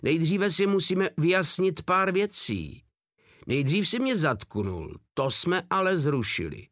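A man's voice: a little high, big pitch swings, fairly bright tone, dry recording, studio quality, pitched above the performer's own voice. A man voicing a huge, crude soldier who mocks and threatens coldly, read as an audiobook. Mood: sneering. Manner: coldly mocking, foul-mouthed.

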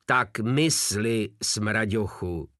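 A man doing a big, rough soldier. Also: fairly low pitch, pushed and bright, no echo, studio quality. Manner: rough, blunt, coarse.

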